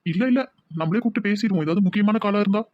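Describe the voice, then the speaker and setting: A man's voice: high-pitched, very fast, no room sound, muffled recording, lightly acted. A man voicing a lovestruck young village man in a cartoon, with a Tirunelveli Tamil accent, musing dreamily to himself.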